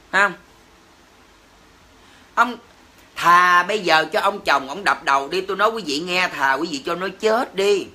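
Bright, forceful and high-pitched, this Southern Vietnamese-accented man vents to his livestream audience in an angry rant, swearing and exclaiming throughout.

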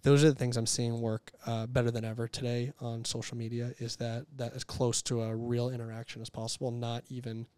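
A man in his thirties, an entrepreneur guest talking candidly in a casual interview, animated and quick to act out quotes. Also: medium pitch, clean tone, dry recording. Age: 30s.

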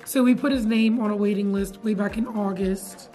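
A young woman, a teacher chatting casually to camera in her classroom, animated and full of fillers. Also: mid-range voice, normal speed. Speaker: middle school science teacher. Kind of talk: casual vlog chat. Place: classroom, indoors.

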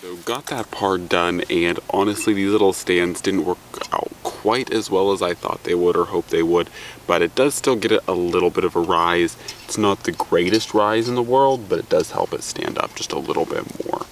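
A man's voice: sits low, normal speed, a little hiss or hum. A young man chatting loosely through an outdoor how-to demonstration, seated in a woodland, recorded on a camera mic. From Alaska. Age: young adult. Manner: chatty and loose, with fillers and restarts. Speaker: outdoors vlogger.

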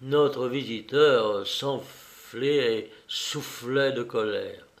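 A man narrating an audiobook in a measured, descriptive way. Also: mid-range voice, gravelly. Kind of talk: scripted narration.

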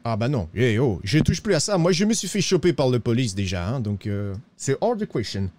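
A man's voice: sing-song, fairly quick, a little mellow, dry recording, lightly acted. A man playing a broke, bumbling cowboy with a put-on accent in a western roleplay, talking theatrically and tacking 'hein' onto his lines. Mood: pleading. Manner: theatrical, sliding pitch, tacks 'hein' on lines. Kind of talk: in-character roleplay.

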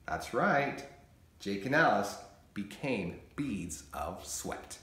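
A man reading his children's book aloud in an expressive, animated storytelling manner. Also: lowish voice, slow pace, echoey room.

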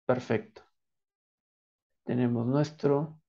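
A man's voice: mid-range voice, fairly even intonation, slow pace, mellow, highs cut off. A man with a Mexican accent teaching a lesson in quiz style, answering his own questions and praising the viewer. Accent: Mexican Spanish.

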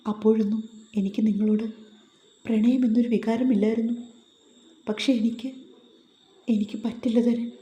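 A woman's voice: on the high side, steady tone, warm tone, close to an everyday voice. Woman reading as a tearful young woman. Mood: desperate. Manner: halting, broken-off phrases. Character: anxious young woman, an office worker, tearful. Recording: roomy echo.

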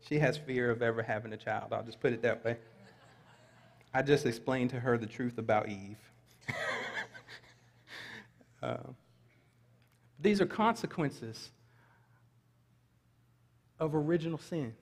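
A man's voice: mid-range voice, measured pace, gravelly, pauses often. Pastor guy preaching on a big church stage, earnest with little asides, voice rings out in the hall. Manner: earnest preaching, reads scripture aloud, light asides. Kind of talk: sermon. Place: large church sanctuary stage. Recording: long reverb of a large hall.

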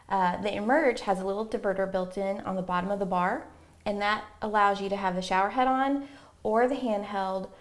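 A woman in her forties explains plumbing fixtures for a TV segment, confident and chatty. She pauses with fillers as she goes, and her voice sits at a medium pitch. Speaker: plumbing supply rep. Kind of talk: product explanation in a TV interview. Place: inside a home bathroom.

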